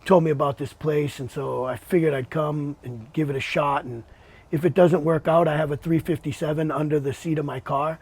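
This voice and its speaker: A man doing a gruff New York ex-cop. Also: on the high side, fairly even intonation, fairly quick, darkish tone. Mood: grim.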